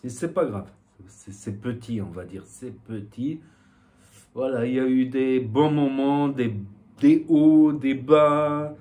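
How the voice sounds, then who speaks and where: The voice is a man's: mid-range, mellow and slow. He is a YouTuber from southwest France with a southwestern French accent, vlogging casually to the camera, rambling with many fillers and saying "voilà" over and over.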